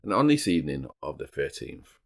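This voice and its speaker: Very deep-voiced man hosting a podcast. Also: big pitch swings, fairly quick. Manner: teasing, dry humour. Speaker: podcast host. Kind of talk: true crime podcast storytelling with casual banter.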